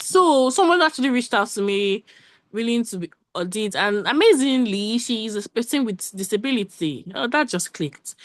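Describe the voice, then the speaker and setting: A woman leading a working group meeting over a video call, giving a quick, run-on update full of restarts. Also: medium pitch, dry recording, studio quality.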